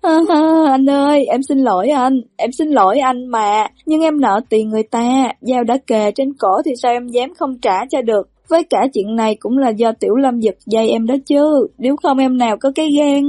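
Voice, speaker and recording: A woman's voice: a little high, normal speed, hardly any pauses, mellow, dry recording, studio quality, lightly acted. A woman voicing a panicked young man who wails and pleads through tears. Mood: sobbing plea. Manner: wailing, pleading, crying. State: crying.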